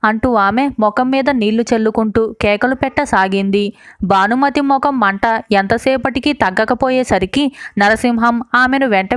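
Smooth, crisp woman storyteller. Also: on the high side, no echo. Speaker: audiobook narrator. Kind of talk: storybook narration.

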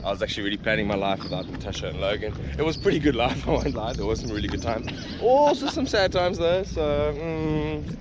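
A man chatting casually and candidly on a rough camera recording. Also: medium pitch, expressive, fairly quick. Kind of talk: casual chat. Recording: muffled, very noisy vehicle and outdoor sound.

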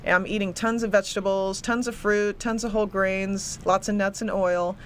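A woman's voice: mid-range voice, moderate pace. Earnest young woman, fitness coach guest, desk mic in studio, faint noise. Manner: earnest, eager, repeats words when excited. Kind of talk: studio interview, casual. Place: small studio set with a city backdrop. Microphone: desk microphone on a stand.

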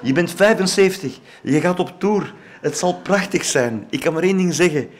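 A man's voice: sits high, animated, normal speed. A man with a Flemish accent giving a playful speech and reading a comic poem at an award ceremony, with theatrical delivery. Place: event hall.

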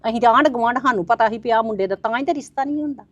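A woman's voice: a little high, highs cut off, lightly acted. A woman acting a blunt middle-aged village woman who accuses and argues. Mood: accusing. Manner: fast, accusing, argumentative. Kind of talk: web drama acting.

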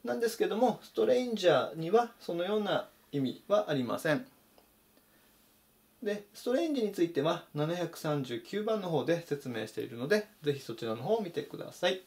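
A man's voice: on the high side, very animated, fairly quick, darkish tone. A man teaching English vocabulary to Japanese learners, methodically explaining meanings and pointing out pronunciation.

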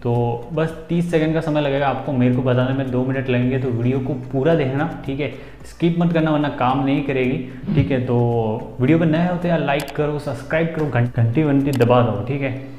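In a small indoor room with roomy echo, dull sound and faint background music, a twentysomething host with an Indian accent gives an informal, instructional phone walkthrough. He speaks at a moderate pace in a medium-pitched, darkish voice, often checking in with the listener.

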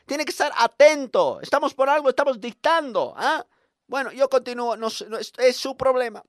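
A man's voice: very high-pitched, animated, brisk, dry recording, studio quality. A man playing a strict, pompous male schoolteacher who scolds students and repeats himself.

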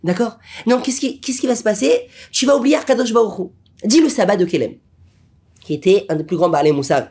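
A man teaching a Torah lesson as a rabbi, an animated storyteller who drops to whispers and rises to exclamations. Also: high-pitched, brisk, slightly rough.

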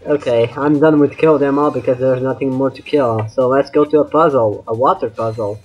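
A man's voice: medium pitch, fairly even intonation, fairly quick, slightly rough, dull audio. A man giving casual, bantering gameplay commentary as a let's-play host, sometimes mock-exasperated. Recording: game music behind. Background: video game music.

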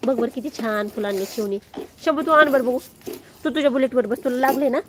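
A woman's voice: sits high, brisk. A young mother talking playfully with her toddlers outdoors, coaxing and sing-song. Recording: noisy outdoor home video.

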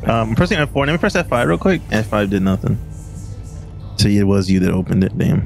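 A man chatting casually with friends while gaming, laughing constantly and getting excited. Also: fairly low pitch, a little fast, vocal fry, slight background noise. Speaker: gamer. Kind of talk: casual gaming banter over voice chat.

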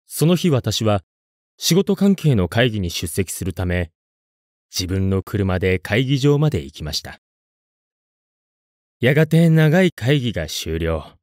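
Dramatic low-voiced man telling a ghost story. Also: big pitch swings, a little mellow, dry recording, clean studio sound. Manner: dramatic, suspenseful storytelling with deliberate pauses. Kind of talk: scripted horror story narration.

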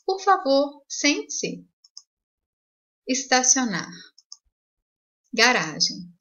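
A woman teaching a language lesson, switching between two languages, saying each example clearly and repeating it twice. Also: a little high, pushed and bright, highs cut off. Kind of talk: slow bilingual language lesson.

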